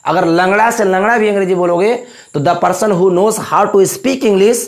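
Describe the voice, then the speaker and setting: A man's voice: high-pitched, unhurried. A man teaching a spoken English lesson in Hindi. He explains step by step, repeats points and keeps checking in with his students. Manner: repetitive, explaining with frequent check-ins.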